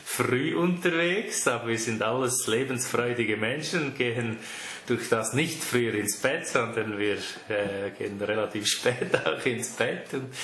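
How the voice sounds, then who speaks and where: A man's voice: medium pitch, a bit bright. A man with a Swiss German accent, a butcher who owns his shop, chatting easily in an interview and laughing often. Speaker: butcher, fourth-generation shop owner. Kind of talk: casual interview answers. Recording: echoey room with faint noise.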